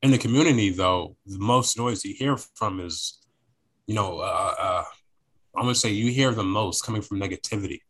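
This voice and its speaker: A man's voice: fairly low pitch, moderate pace, a bit bright, slightly rough, rough recording. A young man talking casually on a podcast, rambling and repeating phrases as he searches for words.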